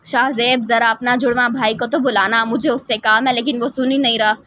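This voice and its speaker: A woman's voice: fairly high pitch, steady tone, pushed and bright. A woman reading a teasing young woman. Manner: mock-innocent, teasing. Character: playful young woman, mischievous and innocent-acting.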